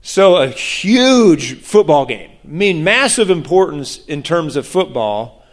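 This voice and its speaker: A man preaching about prayer, telling a story with animated acted-out voices. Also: a little high, takes it slowly. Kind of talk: sermon on prayer.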